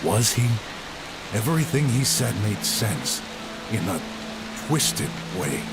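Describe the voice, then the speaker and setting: An actor playing a gruff, weary male crocodile investigator in a game, tough but caring, earnest and halting, with music behind. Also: on the low side, big pitch swings, exaggerated voice. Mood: troubled, sorry. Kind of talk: dramatic video game character acting. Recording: loud music bed under the voice.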